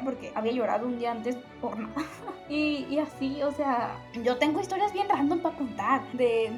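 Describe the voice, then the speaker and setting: A young woman with a Mexican accent, chatting casually and telling emotional stories full of slang. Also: high-pitched. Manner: emotional, animated storytelling with slang. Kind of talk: casual chat.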